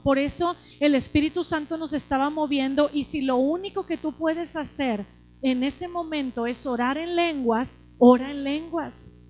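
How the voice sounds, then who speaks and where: A woman's voice: sits high, darkish tone, slight background noise. A woman preacher, delivering an urgent sermon full of repeated exhortations. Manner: urgent, repeats exhortations, acts out quoted voices.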